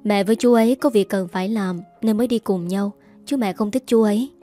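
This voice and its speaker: A woman voicing a gentle young mother in a spoken story, soft and coaxing. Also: mid-range voice, brisk, soft background music, natural voice.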